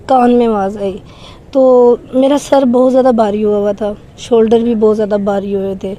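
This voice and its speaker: Telling her frightening story earnestly in an interview, the woman sounds shaken, her voice trembling with emotion. It is fairly high-pitched and mellow, with a steady tone.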